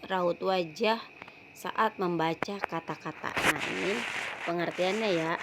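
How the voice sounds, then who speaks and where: Gravelly-voiced woman teacher giving a lesson. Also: on the low side, background noise. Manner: calls pupils "sayang", frequent "ya" tags, repeats words. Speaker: primary school teacher. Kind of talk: recorded online lesson for children.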